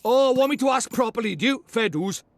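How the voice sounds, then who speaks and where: High, brash little Welsh fairy lord. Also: male voice, lively intonation, a little fast. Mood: coaxing. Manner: blustering, cheeky, theatrical. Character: brash, chatty, self-important little fairy lord, male. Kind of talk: animated fantasy game voice acting.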